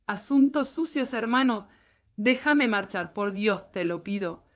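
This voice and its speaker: A woman's voice: mid-range voice, lively intonation, measured pace, close to an everyday voice. A woman reading the lines of a frightened young male peasant who begs and pleads fearfully. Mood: pleading.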